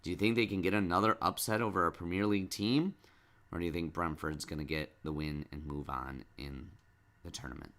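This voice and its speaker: A middle-aged man with a very deep voice hosts a relaxed sports podcast alongside his child. His tone is bright and forward, and he patiently coaxes answers with one question after another. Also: fairly quick. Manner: patient, coaxing, asks lots of questions. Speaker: podcast host and dad.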